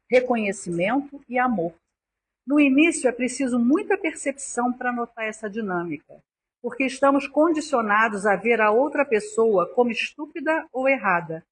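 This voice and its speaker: A woman's voice: fairly high pitch, slight background noise. A woman with a Brazilian accent giving a spiritual lecture on forgiveness, earnest and acting out little scenes in quoted voices. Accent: Brazilian Portuguese.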